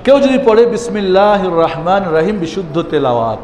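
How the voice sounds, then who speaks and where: A man teaching Quran reading to a class, asking pointed rhetorical questions and chanting letters and verses in drawn-out tones. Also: high voice, very animated, darkish tone. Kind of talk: classroom lesson. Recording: echoey room with long reverb, faint background noise.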